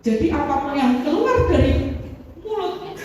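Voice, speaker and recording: A woman psychologist with a Javanese accent giving a lively seminar talk, telling stories and slipping into local phrases. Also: sits high, measured pace. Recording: echoey hall, mic far off, faint room noise.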